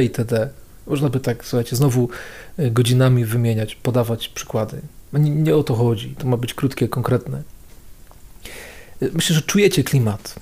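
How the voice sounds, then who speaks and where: A man's voice: medium pitch, mellow, slightly rough. A man giving a casual video sermon as a priest, talking in a conversational, slangy way and repeating phrases for emphasis.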